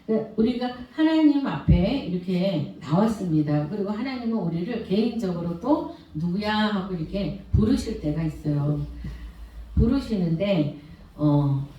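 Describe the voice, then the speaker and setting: Brief: woman pastor, middle-aged, heartfelt testimony sermon, dark mellow tone, distant mic in a reverberant sanctuary. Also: mid-range voice, expressive, unhurried, highs cut off. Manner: earnest, storytelling with emotional swells. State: choked up at times. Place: church sanctuary. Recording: very echoey church hall, voice far from mic.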